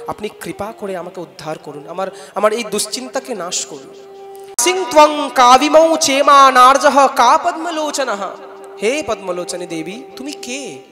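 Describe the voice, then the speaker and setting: A Bhagavat katha preacher with a Bengali accent gives a devotional scripture discourse in a large festival gathering hall, loudly chanting Sanskrit verses before explaining them conversationally. His voice is high-pitched with a long reverb tail, and he keeps urging the audience to call out responses.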